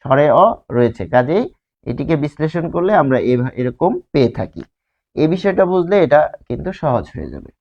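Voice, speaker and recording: A man teaching a grammar lesson at a board, spelling words out slowly and answering his own questions. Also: mid-range voice, very animated, creaky. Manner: asks questions and answers them himself. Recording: dull lo-fi sound.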